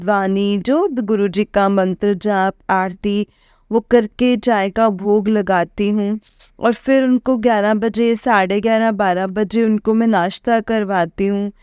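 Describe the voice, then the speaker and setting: A woman's voice: mid-range voice, fairly even intonation, takes it slowly, a little mellow, clean tone, dry recording, studio quality. A young woman, earnestly and emotionally sharing her devotional experiences with listeners, often addressing them directly. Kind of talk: personal devotional testimony.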